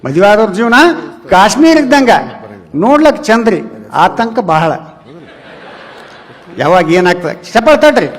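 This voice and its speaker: A man with a very high, light voice and a North Karnataka Kannada accent performs stand-up comedy. He tells chatty stories and keeps turning to address the audience directly. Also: very animated, a little slow, long pauses. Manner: chatty storytelling, repeatedly calls the audience "relatives". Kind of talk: humorous stage talk to a live audience.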